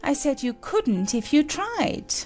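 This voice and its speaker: Haughty, bossy queen, played by a woman: highish, very animated, sharp and imperious storybook delivery. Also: slow pace, soft background music, full character voice. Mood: impatient. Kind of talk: dramatized storybook acting.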